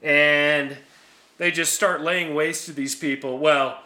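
Bright-voiced man, rambling chat. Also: a little high, fairly even intonation, slow. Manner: rambling, many restarts and fillers, laughs often. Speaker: podcast co-host. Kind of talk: casual chat.

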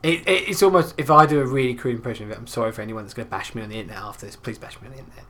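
A man's voice: medium pitch, rapid-fire, a bit bright. A man hosting a podcast, rambling through crude, swearing banter and laughing often.

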